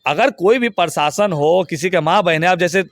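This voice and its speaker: A man's voice: high voice, normal speed, a bit bright, no room sound. A man giving an interview, speaking in a heated, emphatic and abusive way. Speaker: interview guest. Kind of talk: heated, crude complaint.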